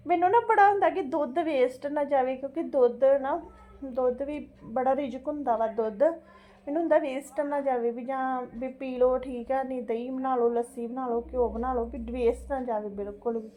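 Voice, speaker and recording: Her voice sits high and warm at a normal speed. A middle-aged home vlogger with a Punjabi accent, she chats casually to viewers as she tells a story, sounding fretful and exclamatory, repeating herself and checking that they agree.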